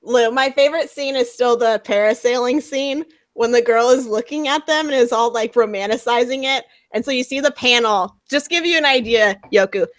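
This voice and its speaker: A woman's voice: a little high, normal speed, few pauses. A young woman co-hosting a casual group podcast, talking with enthusiasm and laughing often. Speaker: podcast co-host.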